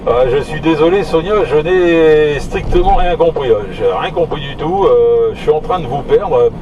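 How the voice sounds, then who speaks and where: Sitting in a car outdoors, a man on CB radio holds a casual two-way conversation, speaking hesitantly, stretching his words, and repeating himself. His fairly high, expressive voice runs at normal speed, captured on a distant mic that sounds muffled and band-limited amid car noise.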